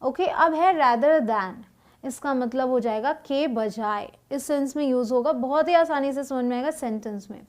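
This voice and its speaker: High-pitched woman, grammar teacher; slow deliberate example sentences, quick check-in asides. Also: darkish tone. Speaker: English teacher. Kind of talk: spoken grammar lesson.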